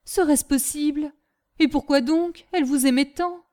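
A woman voicing a haughty, quick-tempered older lady who talks in an imperious, scolding way. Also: high-pitched, warm tone, voice pushed up, natural voice.

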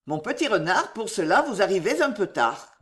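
A smug male cat perched out of reach in a storybook tale, giving short, teasing replies with lively pitch, as a reader puts him on. He is cool and wary. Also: moderate pace. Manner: curt, teasing.

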